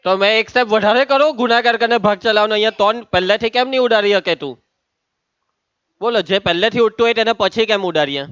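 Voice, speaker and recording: A man's voice: high-pitched, quick pace, fairly bright tone, clear, resonant tone, no room sound, highs cut off. A man teaching a maths lesson, teasing and calling on students by name. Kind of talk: lively classroom lesson.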